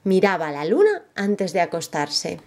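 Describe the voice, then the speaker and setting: Female storyteller for a children's tale, expressive with a lively, animated pitch. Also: moderate pace.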